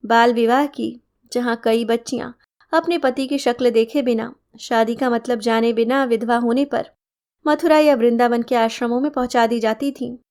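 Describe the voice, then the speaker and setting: A woman voicing a calm, gentle husband who earnestly argues against old customs in a storybook reading. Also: a little high, natural voice. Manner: earnest, persuasive.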